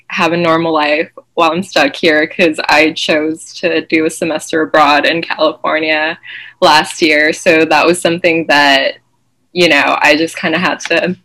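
A young woman from Malaysia speaks as a guest over a video call. Her voice sits lower than most, and she talks hesitantly, pausing on "um" and "you know". The delivery stays casual. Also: fairly bright tone, poor audio. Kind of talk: casual chat.

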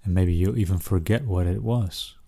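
A man with a low, dark voice leads a soothing guided relaxation in the manner of a sleep story narrator. He speaks gently, leaving long pauses between short phrases. The sound is close and dry. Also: creaky, no room sound.

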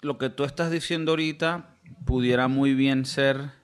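A man's voice: mid-range voice, fairly even intonation, normal speed, clean tone. A man hosting a podcast, teasing his co-host in casual chat. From Latin America. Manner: teasing, acts out mocking voices.

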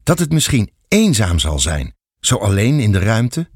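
A man narrating a children's audiobook fairy tale in an expressive storytelling manner. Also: fairly low pitch, a little slow, slightly rough, no echo, clean studio sound.

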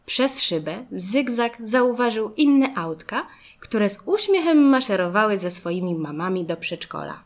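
A woman narrating a children's storybook in an expressive, lively way. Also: medium pitch.

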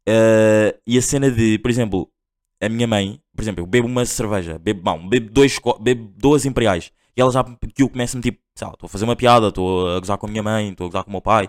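Hosting a podcast, a young man with a European Portuguese accent speaks fast in a lowish voice. His storytelling is casual and rambling, heavy on slang, with lots of fillers and restarts.

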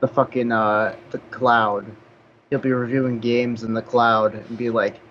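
A man's voice: mid-range voice, flat delivery, a little slow, slight background noise. A man co-hosting a casual podcast, rambling and joking, with casual swearing. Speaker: podcast co-host. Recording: slightly muffled lo-fi audio.

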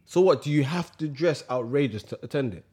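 A man's voice: mid-range voice, expressive, brisk, mellow, slightly rough. A young man with a London accent, talking casually in roadman slang. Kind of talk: casual chat.

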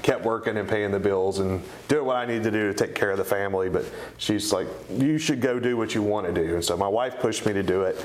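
A man in middle age speaks in a roomy, echoing space. His voice sits on the low side and carries an East Tennessee accent. He talks conversationally, like a guest explaining things in an interview. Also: brisk, hardly any pauses. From East Tennessee, United States. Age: middle-aged. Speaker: interview guest, company co-founder.

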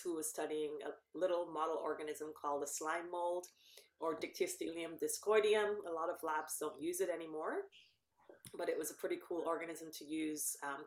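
Her voice low and deep, a woman in her fifties from Barbados, a professor researching cancer, lays out her work in long explanations as a podcast guest. She catches and corrects herself with ums, and a noticeable room echo surrounds her.

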